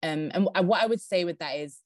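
Fast-talking woman giving advice. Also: lowish voice, no room sound. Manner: fast-talking, laughs often. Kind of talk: podcast interview advice.

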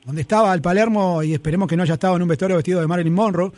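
A man's voice: high voice, racing, a little mellow, dry recording. A man with an Argentine accent, a sports radio commentator who repeats his points in an emphatic, lecturing way during a heated studio debate. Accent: Argentine Spanish.

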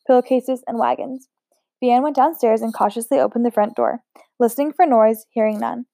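Woman reading a novel aloud, mellow and dry. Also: on the high side, no room sound. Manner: steady, unpolished reading with occasional slips and restarts. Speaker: audiobook reader.

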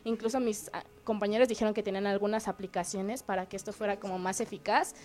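A young woman speaks with a Mexican accent in a relaxed student panel chat. She talks earnestly and encouragingly, and she often pauses on fillers. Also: mid-range voice. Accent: Mexican Spanish. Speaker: student co-host.

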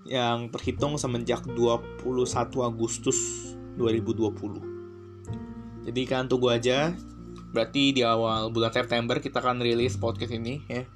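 A man's voice: mid-range voice, flat delivery, moderate pace. A man hosting a podcast, talking in a casual, earnest way in street slang and dropping in English phrases. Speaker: podcast host. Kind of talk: casual motivational podcast talk. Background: guitar music.

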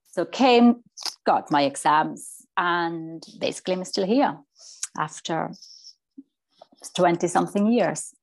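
Female riding coach from Spain, forties, Spanish accent, low-ish voice, casual and rambling. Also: animated, slow pace, pauses often. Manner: chatty, repeats words and restarts, frequent fillers. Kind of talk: casual interview.

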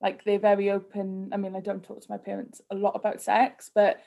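A woman with a Cardiff accent speaks at a middle pitch in a casual interview. She is candid and conversational, peppering her sentences with "like" as she talks about herself. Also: completely flat delivery, fairly quick, creaky, warm tone. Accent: Cardiff Welsh. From Cardiff, Wales. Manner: candid, conversational, heavy use of "like". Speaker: podcast guest, influencer. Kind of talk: casual personal interview chat.

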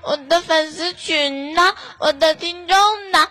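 A woman's voice: sits high, unhurried, sharp tone. A woman putting on the voice of a coy, whiny young woman who pouts and pleads for favors. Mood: pouty pleading. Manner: pouty, pleading, refers to herself as 人家.

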